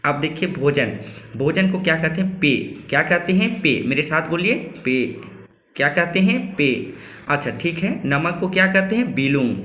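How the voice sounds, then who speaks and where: A man's voice: fairly high pitch, animated, bright, forceful tone. Patient man teaching words in an echoey room. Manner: slow, careful, patient, repeating words for learners. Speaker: language teacher. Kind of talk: spoken language lesson with repeat-after-me drills.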